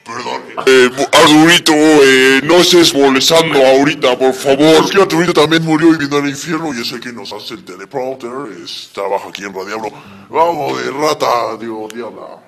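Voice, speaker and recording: Playful comedy radio host. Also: male voice, mid-range voice, moderate pace, hardly any pauses, a bit bright, faint music behind. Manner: playful, laughing. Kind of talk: comedic skit radio show.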